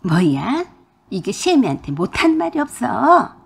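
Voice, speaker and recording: A woman's voice: mid-range voice, expressive, a little slow, breathy edge. A woman voicing a pushy, greedy older mother-in-law who scolds and demands, in a radio drama reading. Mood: scolding. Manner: domineering, scolding, shouting.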